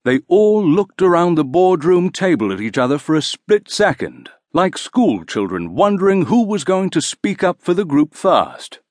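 A man narrating a children's audiobook in an expressive storytelling manner. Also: sits high, no room sound, studio quality. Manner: slow, expressive.

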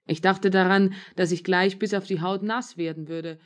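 A woman narrating an audiobook of a classic story in a calm, measured way. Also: lowish voice. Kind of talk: scripted literary narration.

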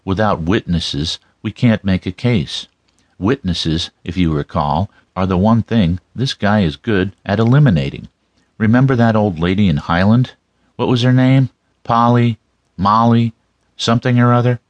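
A male narrator plays a seasoned detective in a crime audiobook. He is wry and matter-of-fact, low in pitch, with a dry, close sound. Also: normal speed, no room sound, highs cut off, lightly acted. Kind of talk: audiobook character dialogue.

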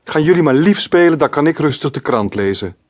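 Man reading a gruff, reluctant schoolteacher. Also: fairly high pitch, animated, a little fast, darkish tone, pitched above the performer's own voice. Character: reluctant, grumpy male substitute teacher.

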